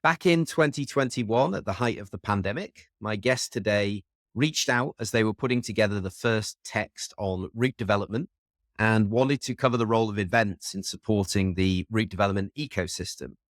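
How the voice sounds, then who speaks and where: A man's voice: lowish voice, moderate pace, no room sound, studio quality. A man hosting a podcast interview, welcoming and upbeat as he introduces his guests. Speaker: podcast host.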